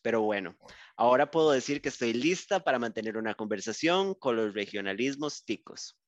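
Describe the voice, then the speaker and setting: A woman's voice: extremely low pitch, fairly quick, no room sound. A Costa Rican woman co-hosting a podcast, telling stories in a slangy, laughing way and reading a listener's letter aloud. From Costa Rica. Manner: laughing, slangy, animated storytelling. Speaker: podcast co-host. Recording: dull, dry close-mic sound.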